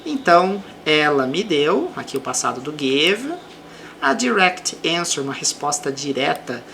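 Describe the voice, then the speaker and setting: Brazilian woman language teacher, unhurried and patient delivery, lively pitch. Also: gravelly, slight background noise. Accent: Brazilian Portuguese. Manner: reads English example sentences slowly, then explains in Portuguese. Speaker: English teacher. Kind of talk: slow explanatory language lesson.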